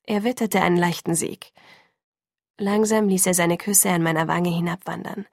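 Soft-spoken woman narrating, creaky edge. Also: fairly low pitch, fairly even intonation, moderate pace, no echo, clean studio sound. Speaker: audiobook narrator. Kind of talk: first-person audiobook narration.

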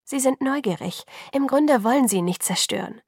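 A woman reading an audiobook, voicing a quick, bright young female vampire who talks briskly. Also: high-pitched, slightly rough, no echo, clean studio sound, voice pushed up, heavily acted. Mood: explaining. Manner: brisk and lively, talks fast when excited.

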